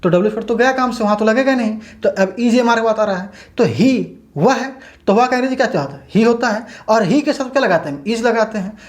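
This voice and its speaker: A woman's voice: a little high, lively intonation. Woman teacher drilling English grammar. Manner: asks questions, then answers them herself, stretching out English words slowly. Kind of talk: classroom-style grammar lesson.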